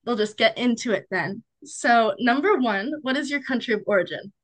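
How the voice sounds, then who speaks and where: Her voice on the high side with lively intonation at a normal speed, a young woman opens her class interview with a scripted introduction. Then she turns chatty and friendly, laughing frequently, in a recording with no echo.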